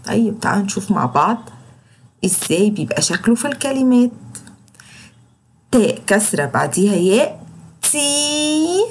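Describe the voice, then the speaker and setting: A young woman teacher with an Egyptian Arabic accent, giving an online lesson to young children and slowly drawing out the sounds of letters and words. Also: medium pitch, lively intonation, husky. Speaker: kindergarten teacher.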